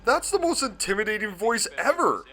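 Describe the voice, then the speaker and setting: A man's voice: high voice, fairly quick, heavy background noise. A man giving a comedic movie review, gushing and swearing often. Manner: profane, excitable and gushing.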